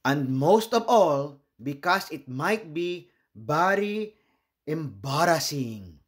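Reading a children's story as its host, this man from the Philippines speaks with a somewhat high pitch and lively, animated inflection. His pace is unhurried, every phrase drawn out with expression.

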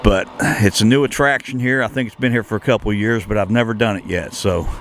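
Rambling low-voiced man outdoors. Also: steady tone, fast, fairly bright tone, slight background noise. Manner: rambling, with many fillers and restarts. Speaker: travel vlogger. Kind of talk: casual walking tour commentary. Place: outdoors at a shopping and entertainment complex.

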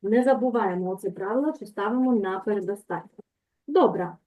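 A woman teaches an online language lesson, explaining things patiently and checking in often with her students. Her mellow, mid-range voice moves a little fast over slight background noise. The call audio sounds tinny, like a phone line.

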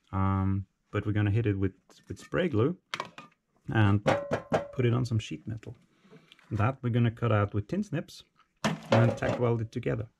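A young man walks through a metal build from a cluttered workshop, recorded on a camera strapped to his head. His voice sits a little low with a gravelly, creaky edge. He explains each step plainly and casually, with frequent fillers. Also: darkish tone. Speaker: maker explaining a metal project.

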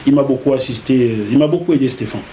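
A middle-aged man with a Cameroonian French accent, a journalist recounting his career as an interview guest, animated and repeating words as he goes. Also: mid-range voice, quick pace, slight background noise. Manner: animated, repeats words while telling a story. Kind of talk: casual interview storytelling.

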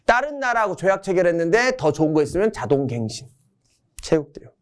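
A man's voice: high-pitched, big pitch swings, fast, smooth. A man giving a casual exam-prep history lecture, telling it as a story. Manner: casual, storytelling, acts out quotes.

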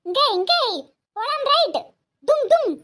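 Sex: female. Figure: a woman playing a tired, coaxing elder sister in a cartoon. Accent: Kanyakumari Tamil. Pitch: very high. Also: sing-song, a little slow, fairly bright tone, full character voice. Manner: exasperated, coaxing. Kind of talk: cartoon voice acting.

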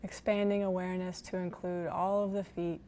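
A woman with a lowish voice guides a body scan meditation, speaking gently and soothingly. Her intonation is very flat and steady, with long pauses between phrases, and noticeable background noise is present.

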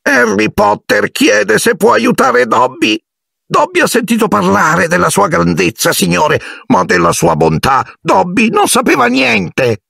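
A man reading an audiobook and voicing a tearful, servile male house elf with a piercing, squeaky voice that wails and grovels. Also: big pitch swings, unhurried, creaky, pushed and bright, slightly rough, dry recording, clean studio sound, exaggerated voice. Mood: pleading. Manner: groveling, overwrought, wailing. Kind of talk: audiobook character voice.

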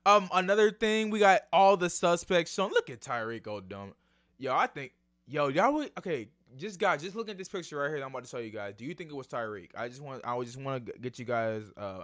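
This is a young man talking to his channel's viewers in a loose, slangy way, excitable and quick to call out to them. His voice is bright and cutting, a touch high for a man, and it rises and falls a lot. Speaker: YouTube channel host. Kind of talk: casual trailer breakdown vlog.

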